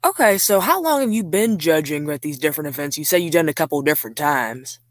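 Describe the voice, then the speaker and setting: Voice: mid-range voice, lively intonation, fast talker, no echo. Chatty host, dry close sound. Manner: rambling, chatty, many "like"s. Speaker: show host. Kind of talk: casual chat interview.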